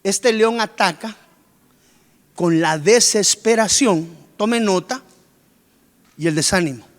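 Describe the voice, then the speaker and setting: High-voiced preacher in a big hall. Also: male voice, slow. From Guatemala. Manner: preaching with sudden rises in pitch and force, acting out worried church members. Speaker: pastor. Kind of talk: sermon. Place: church. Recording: long reverb of a church hall.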